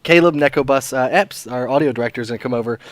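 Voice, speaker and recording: A man with a sore, hoarse throat hosting a casual livestream chat, playful and joking, with many ums and restarts. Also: mid-range voice, rapid-fire, no echo. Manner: playful, joking, lots of ums and self-interruptions. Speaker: assistant community manager, stream host.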